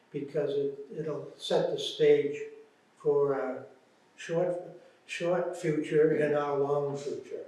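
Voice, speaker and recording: A man's voice: on the high side, darkish tone. A man introducing a discussion panel and speaking on it, earnest and emphatic. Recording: very echoey room from far off.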